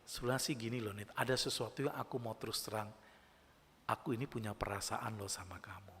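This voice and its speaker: Man playing a shy young suitor, soft, hushed, half-whispered, long reverb. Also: fairly low pitch, fairly even intonation, fast, pitched below the performer's own voice. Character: shy young man confessing his feelings.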